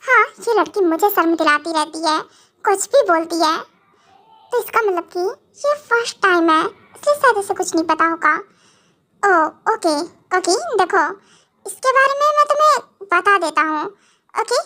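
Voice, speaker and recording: Girl doing a worried fussy young husband, super high bright voice, amateur drama. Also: expressive, normal speed, exaggerated voice. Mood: embarrassed. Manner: fussy, anxious, repeats questions. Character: caring, flustered young husband. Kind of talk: amateur audio drama acting.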